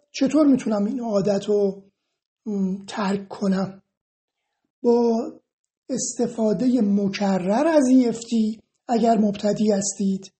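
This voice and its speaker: Calm woman explaining tapping technique. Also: a little high. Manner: calm, reassuring, reads each question then explains. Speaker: EFT instructor answering viewer questions. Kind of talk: informal explanatory Q&A monologue.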